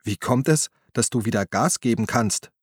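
A man's voice: medium pitch, normal speed, breathy edge, dry recording, studio quality, lightly acted. A man voicing a petulant male police partner in an audiobook, whiny and defensive. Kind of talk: audiobook character voice.

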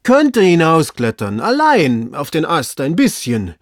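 A man reading aloud, voicing a fearful male servant calling down from high in a tree in broken, drawn-out speech. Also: wildly swooping pitch, no room sound, clean studio sound, exaggerated voice. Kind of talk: audiobook reading.

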